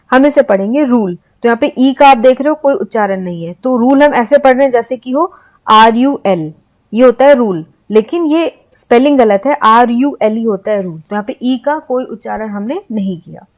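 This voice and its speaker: A woman teaching English pronunciation, spelling out letters and example words slowly and deliberately. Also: on the high side, a little mellow. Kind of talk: spoken-English lesson.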